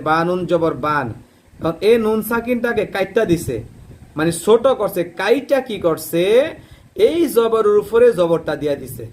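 A man's voice: high-pitched, a little hiss or hum. A man teaching Quran reading. He drills letter sounds over and over and asks and answers his own questions.

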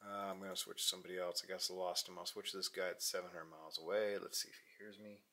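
A deep-voiced American man in his forties, a vlogger into amateur radio, narrates quickly and offhandedly, half to himself, while running his radio. Steady background noise fills the handheld camera audio, recorded at arm's length in an unfinished basement with metal shelves.

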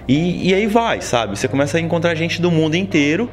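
Faint music sits behind a fairly quick, higher-pitched man in his forties with an interior São Paulo Brazilian accent. He's a guest in a casual studio interview, telling lively stories and often adding "sabe?", into a handheld mic held by the interviewer.

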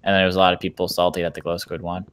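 A young man with a somewhat low voice plays a modded game and chats with his brother. He is excitable, laughs often and rattles off his thoughts in quick bursts, with keyboard clicking faintly behind him. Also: clean tone. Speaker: gaming channel host. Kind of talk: casual Minecraft let's play chat.

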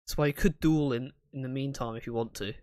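A man's voice: mid-range voice, fast talker, crowd noise. A young man in casual, bantering chat as he streams to viewers from a small room on a close desk mic. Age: young adult. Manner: playful, bantering. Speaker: live streamer. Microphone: close desk microphone.

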